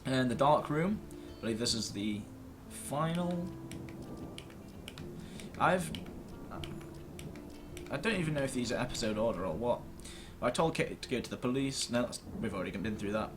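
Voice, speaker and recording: With music in the background, a gaming series host talks to camera from his computer indoors at normal speed, using lively intonation and long pauses. His medium-pitched commentary is casual and rambling, self-deprecating and mildly sweary.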